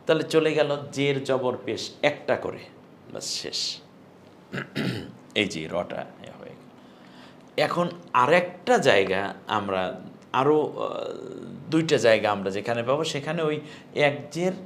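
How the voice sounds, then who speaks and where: A man with a Bangladeshi Bengali accent gives an online lesson on Quran recitation. He explains the rules patiently, step by step, at a mid pitch. A faint hiss sits under his voice. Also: lively intonation, a bit bright. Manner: explains step by step, chants recited verses slowly.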